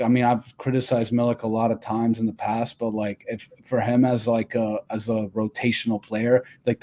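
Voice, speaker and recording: A man's voice: medium pitch, mellow. A man from Albania co-hosting a sports call-in show, chatting casually with many fillers and restarts. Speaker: co-host.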